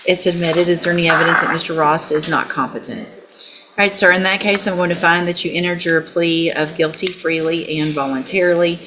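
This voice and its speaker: An American woman speaking as a judge in formal courtroom proceedings, explaining procedure step by step. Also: low-pitched. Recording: noisy courtroom audio with clicks.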